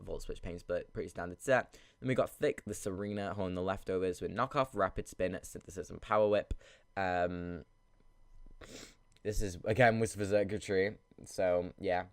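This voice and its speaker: A man with a low voice talks through a game in a casual, rambling way, thinking aloud as he goes. He sounds sniffly and congested from a cold. The recording is very dry, with little room sound. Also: no echo. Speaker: video game battle commentator. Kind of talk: casual gameplay commentary.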